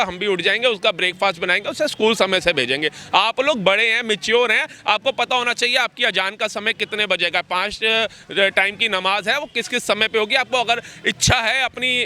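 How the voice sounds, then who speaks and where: In an impassioned street interview, a man with a high, sharp-toned voice argues combatively and emphatically for his political views, firing off rhetorical questions.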